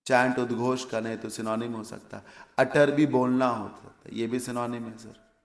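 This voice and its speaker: Gravelly Indian male English teacher. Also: mid-range voice, steady tone, moderate pace, roomy sound. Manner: explains word meanings step by step, asks and answers his own questions. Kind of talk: exam vocabulary lesson.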